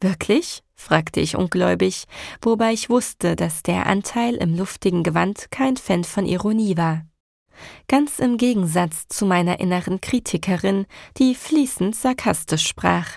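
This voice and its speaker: Woman narrator, gravelly voice, dry close sound, first-person audiobook. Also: fairly low pitch, unhurried, no room sound. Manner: even, storytelling.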